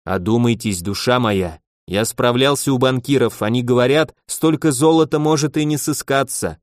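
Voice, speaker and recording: A man's voice: medium pitch, normal speed, dry recording, studio quality, natural voice. A man voicing a timid henpecked nobleman who pleads with his wife in a plaintive, sighing way. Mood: pleading. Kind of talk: audiobook character voice.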